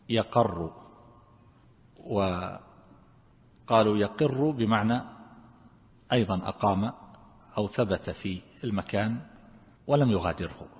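A man teaching a lesson on Quran commentary, who explains slowly and repeats words to drill how their vowels are said. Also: on the low side. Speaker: sheikh teaching Quran exegesis. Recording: lo-fi recording in a reverberant hall.

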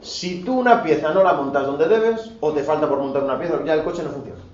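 A man's voice: on the high side, brisk, darkish tone. Man lecturing philosophy in a roomy classroom. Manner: rhetorical questions, emphatic asides. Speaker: philosophy teacher. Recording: roomy, distant, dull, faint noise.

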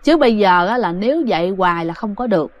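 A woman's voice: mid-range voice, animated, quick pace, muffled recording. A woman casually telling a ghost story, chatting directly to her listeners. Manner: chatty, addresses listeners directly, many fillers.

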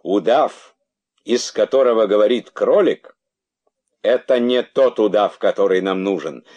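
A man's voice: fairly low pitch, measured pace, a little mellow, dull audio. A man voicing a proud, menacing python king in a storybook reading, speaking sternly and with threat. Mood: stern commanding.

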